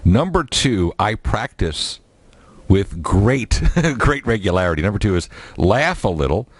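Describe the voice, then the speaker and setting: A male talk radio host who keeps things light and jokey. His low voice swings widely in pitch as he riffs between questions. The sound is dry and close. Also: husky, no room sound. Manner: jokey, animated, quick asides.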